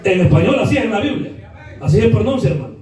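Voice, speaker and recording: A high-voiced man preaching in a church, his voice ringing through a very echoey hall as he stands back from the mic. He drops to quiet asides, then bursts into shouts and fires off rhetorical questions at the congregation. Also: big pitch swings, quick pace, distant mic. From El Salvador. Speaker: pastor. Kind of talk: sermon.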